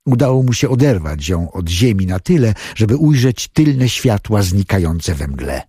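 A male audiobook narrator with a low, husky voice. His pitch moves in lively arcs as he tells the story, and the close recording is dry. The reading is scripted and expressive. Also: normal speed, no echo.

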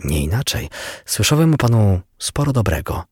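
A man's voice: fairly low pitch, sing-song, darkish tone, slightly rough, no echo, studio quality, pitched above the performer's own voice, full character voice. A man doing a smug taunting murder suspect. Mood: mocking. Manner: mocking, unhurried, coolly polite.

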